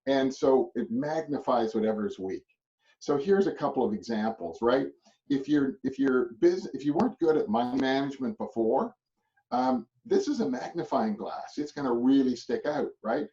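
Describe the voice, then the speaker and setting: A man's voice: medium pitch, sing-song, normal speed, mellow. Rambling Canadian man coaching agents. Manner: rambling, repeats "right?", chuckles often. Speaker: real estate coach. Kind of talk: motivational presentation. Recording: distant muffled mic.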